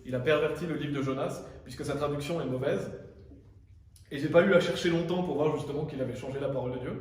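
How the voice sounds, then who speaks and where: Brief: male preacher, higher-pitched voice, insistent and repetitive, heard from a distance in a very echoey room. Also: quick pace. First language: French. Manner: insistent, repetitive with many restarts. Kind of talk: sermon.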